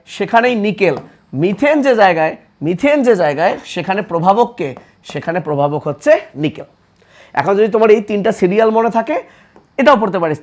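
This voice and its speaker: A man from Bangladesh teaching a chemistry class, repeating key facts again and again in an energetic lecture style. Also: sits high. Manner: energetic, repetitive drilling of facts.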